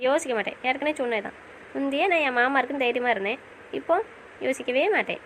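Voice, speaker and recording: A devoted young wife from a romantic audio drama, voiced by a woman. She talks fast in a high voice, affectionate and coaxing. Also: fairly bright tone, a little hiss or hum.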